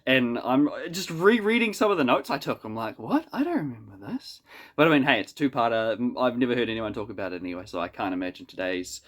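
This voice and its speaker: Talking fast in a mid-range, fairly bright voice with big pitch swings, this man reviews things on YouTube from his small apartment. He has a New Zealand accent and a head cold, and his delivery is wry, chatty, casual, and self-deprecating.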